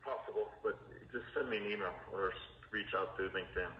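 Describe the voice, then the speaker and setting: A man's voice: fairly low pitch, quick pace. A man leading an engineering team, answering a cold call with short, brief replies. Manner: curt, brief. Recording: dull echoey phone line.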